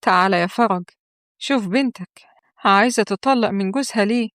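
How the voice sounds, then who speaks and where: A woman's voice: medium pitch, brisk, fairly bright tone, dry recording, studio quality, close to an everyday voice. A woman voicing a fussy, dismissive middle-aged mother who talks in a soothing tone, in an Egyptian accent. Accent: Egyptian Arabic.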